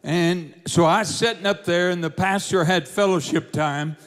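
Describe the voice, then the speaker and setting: A man's voice: sits high, steady tone, moderate pace, fairly bright tone. A man preaching, telling a testimony in a fervent storytelling manner. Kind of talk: sermon testimony.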